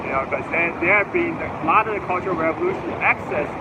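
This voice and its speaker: A man's voice: a little high, fast talker. A man in his forties chatting casually with his livestream viewers during a road trip, rambling and answering their questions as they come in. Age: 40s. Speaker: livestream host. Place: moving vehicle on a road trip. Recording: loud wind and road noise.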